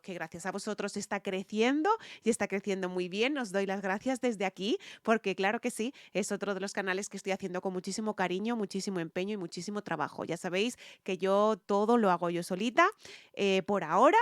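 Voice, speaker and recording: A woman's voice: medium pitch, a bit bright, no echo, studio quality. A woman from Spain with a Spanish accent, a singer chatting casually as she analyzes another singer's voice, explaining at length with frequent "eh" fillers. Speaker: singer reacting to music videos. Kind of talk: casual reaction and vocal analysis.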